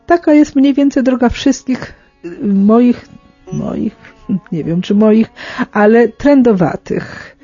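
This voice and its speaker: A middle-aged woman speaking unscripted in a radio interview, explaining in a halting way and often correcting herself. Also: a little high, mellow, breathy edge, highs cut off, faint music behind. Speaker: interviewed aid worker among lepers in India.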